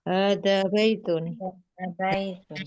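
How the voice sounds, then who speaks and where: A woman's voice: medium pitch, steady tone, slow pace, a little mellow, no echo. A woman student in an online class, giving short answers back to her teacher. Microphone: online call microphone. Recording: dull lo-fi online audio.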